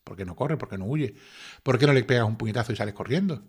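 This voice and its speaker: A man's voice: mid-range voice, animated, quick pace, a little mellow, slightly rough. A man reading a legal document aloud and breaking off to comment on it with sarcastic, indignant rhetorical questions. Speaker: YouTube commentator. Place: home desk with computer.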